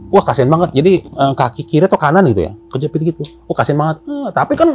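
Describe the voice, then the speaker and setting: A man's voice: fairly high pitch, racing, husky, soft background music. A man telling a story in casual chat, acting out the dialogue in slang. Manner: animated, acts out dialogue in slang. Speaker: storyteller guest.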